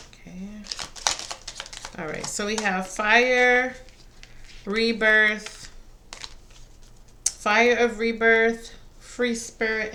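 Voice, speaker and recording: A woman giving a casual spiritual card reading to viewers, pausing between phrases. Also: medium pitch, pushed and bright. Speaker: tarot and oracle card reader. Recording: faint background noise.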